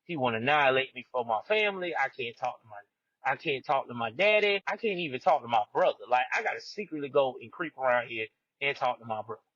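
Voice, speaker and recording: Man playing weary young woman, low complaining voice, dry close recording. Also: expressive, fast talker, a bit bright, no echo, highs cut off. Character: worn-down young woman venting to a friend.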